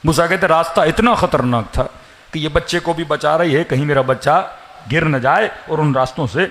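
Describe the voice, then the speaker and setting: A man preaching a mourning-gathering sermon, telling stories dramatically with rising pitch and shouted emphasis. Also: slight background noise. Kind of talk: Muharram majlis sermon.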